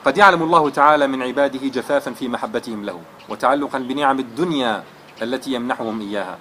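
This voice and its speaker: A man's voice: medium pitch, fast talker, a bit bright, slight background noise. A man giving a religious lesson, telling a moral story in an earnest, dramatic way. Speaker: religious lecturer.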